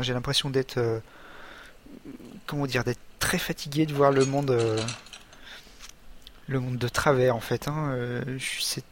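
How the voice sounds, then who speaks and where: Casting: man, mid-pitched voice, halting let's-play commentator, faint hiss behind. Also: a bit bright. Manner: hesitant, halting, many fillers and restarts. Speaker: gamer.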